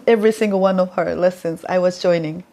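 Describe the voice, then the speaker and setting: A young Japanese woman and former reporter, speaking with a Japanese accent, tells playful stories as a guest in a casual interview, chatting and laughing often. Her voice is on the low side, steady, brisk, and dark in tone.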